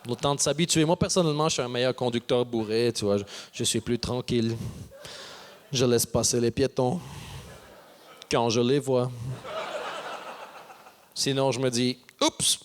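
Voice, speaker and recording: A Canadian man doing stand-up, telling a story and acting out the people in it with quick voice changes. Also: medium pitch, slight background noise. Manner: animated, acts out characters with voices. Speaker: stand-up comedian. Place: theater stage before an audience.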